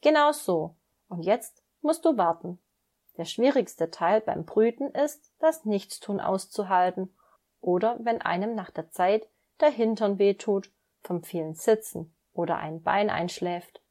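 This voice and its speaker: A woman voicing a patient, gently fond mother duck in a children's story, explaining calmly. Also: medium pitch, a little slow. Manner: calm and instructive.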